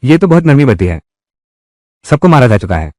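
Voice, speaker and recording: A man's voice: mid-range voice, very animated, fairly quick, darkish tone, no room sound, studio quality. A man dubbing all the roles of a drama, with heated, quarrelsome delivery.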